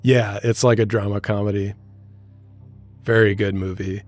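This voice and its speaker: A man's voice: lowish voice, flat delivery, moderate pace, darkish tone, soft background music. A man co-hosting a podcast, telling a story in casual chat and laughing often. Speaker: podcast co-host.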